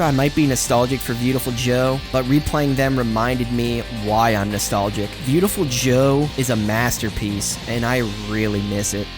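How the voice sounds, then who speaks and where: A man narrating a scripted game review in an earnest, nostalgic way, now and then swearing. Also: mid-range voice. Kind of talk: scripted video essay narration. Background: music bed.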